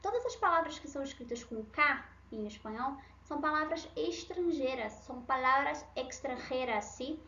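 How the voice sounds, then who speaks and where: High-voiced Brazilian woman teaching. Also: animated, moderate pace, hardly any pauses, sharp tone, reverberant, highs cut off. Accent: Brazilian Portuguese. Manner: checks in often with "ok?" and "sí?". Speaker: Spanish teacher. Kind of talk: bilingual language lesson.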